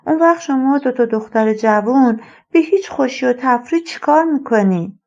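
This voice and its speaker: A woman voicing an elderly retired male colonel, a rambling and wistful father who speaks slowly and musingly. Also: high voice, lively intonation, darkish tone, muffled recording.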